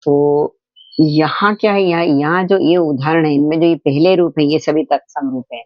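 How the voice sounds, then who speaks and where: A man with a slightly raised pitch walks his viewers through a grammar lesson. He explains patiently, one step at a time, and keeps posing questions to the listener. The recording is dry and a bit muffled. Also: fairly even intonation, normal speed, dry recording. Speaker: Hindi teacher.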